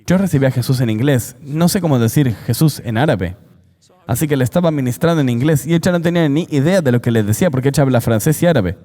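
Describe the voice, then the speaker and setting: A man's voice: mid-range voice, expressive, fast talker, warm tone, long reverb tail. A man giving an earnest, emphatic testimony as an interview guest, dubbed into the language of the show.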